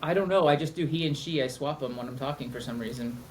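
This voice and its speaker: A man's voice: medium pitch, quick pace, a little mellow. Male podcast co-host, middle-aged, casual, self-deprecating, light room noise. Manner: chatty, self-mocking, playful. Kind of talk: casual chat.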